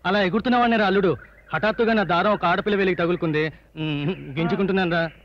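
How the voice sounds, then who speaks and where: An actor playing an excitable, lovestruck young man given to theatrical, self-pitying outbursts in a film scene. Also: sits high, fast. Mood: pleading. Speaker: comic film character. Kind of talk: film dialogue. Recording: dull, lo-fi film soundtrack.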